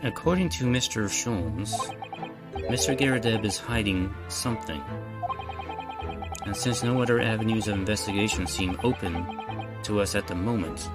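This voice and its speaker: A man's voice: fairly low pitch, moderate pace, over loud music. A man playing a video game, casually commenting and reading its dialogue aloud. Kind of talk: casual let's play with dialogue read-aloud.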